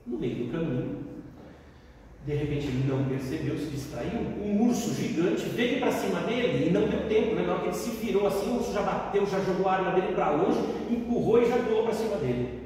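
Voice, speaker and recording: A man with a high-pitched, somewhat dark voice gives a spiritist lecture built around stories, acting out the characters' voices and frequently ending lines with "né?". He's recorded from far off in an echoey hall, with faint background noise.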